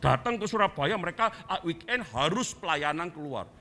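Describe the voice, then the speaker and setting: Lively high-voiced male preacher. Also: moderate pace. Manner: lively storytelling with quoted dialogue. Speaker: pastor. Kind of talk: sermon.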